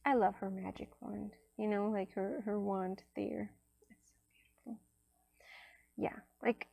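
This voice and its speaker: Seated indoors at a table, a woman whose first language is Spanish casually reviews an oracle deck, chatting with many fillers and soft, almost whispered asides. Her voice is mid-range and creaky, and the recording is dry.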